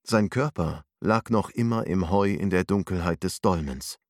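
A man narrating an audiobook in a measured, steady way. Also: deep voice, dry recording, clean studio sound.

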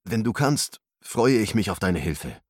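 A man's voice: lowish voice, sing-song, measured pace, darkish tone, breathy edge, dry recording, clean studio sound, full character voice. A man voicing an earnest young man who speaks persuasively. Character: young man, determined treasure seeker.

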